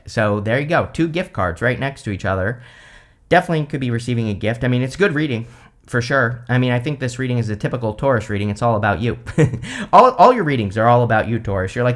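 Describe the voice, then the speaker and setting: A man with a mid-range voice hosts a channel and gives a casual tarot reading to camera. He's chatty and rambling, his speech full of "like" and "you know," with light laughs mixed in.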